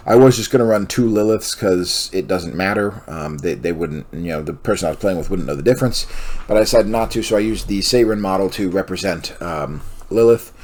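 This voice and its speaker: A man hosting a casual walkthrough of building a tabletop army list, rambling with many pauses and self-corrections, and sounding tired. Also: low voice, a little mellow. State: yawning, tired. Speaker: host.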